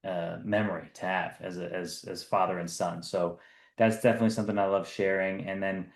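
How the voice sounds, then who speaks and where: Earnest thirties male founder, slightly low voice, echoey room. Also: steady tone, brisk. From US East Coast. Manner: earnest, repeats words when restarting. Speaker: business founder guest. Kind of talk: conversational podcast interview.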